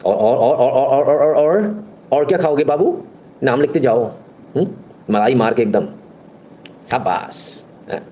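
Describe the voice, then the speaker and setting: Sarcastic, mellow-voiced male stream host. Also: mid-range voice, animated, unhurried, pauses often, a little hiss or hum. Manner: mocking, sarcastic, chatty, addresses viewers directly. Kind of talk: sarcastic live commentary.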